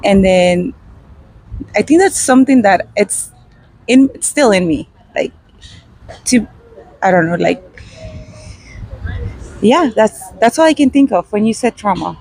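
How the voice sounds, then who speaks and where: A woman from Guatemala, interviewed outdoors in front of a restaurant, answering in a halting, hesitant way with many pauses and fillers. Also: medium pitch, lively intonation, a little mellow, rough recording. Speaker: interview guest. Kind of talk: unscripted street interview.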